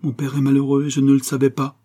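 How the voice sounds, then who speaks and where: A man's voice: medium pitch, animated, normal speed, dark tone, husky. A man voicing an anxious, devoted eight-year-old girl in a storybook reading, talking earnestly and pleadingly. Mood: anguished.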